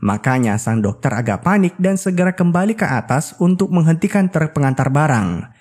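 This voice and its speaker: A man's voice: a little high, very animated, normal speed, a little mellow, slightly rough. A man narrating a film's plot as scripted storytelling with casual asides. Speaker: film recap narrator.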